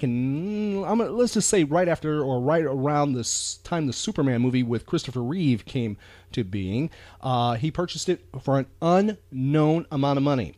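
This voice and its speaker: A man hosts a chatty pop culture podcast, speaking with enthusiasm and emphasis and often repeating phrases for effect. His voice is mid-range with a darkish tone, and there is no room sound.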